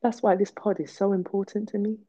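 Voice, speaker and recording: On a podcast with dull lo-fi audio, a woman host tells her own story candidly, bluntly and emphatically, repeating things for stress. Her mid-range voice is level, a little fast, warm, and slightly rough.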